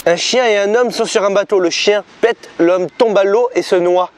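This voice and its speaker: High-voiced young man bantering casually. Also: moderate pace. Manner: slangy, informal. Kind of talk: casual joke-telling challenge banter.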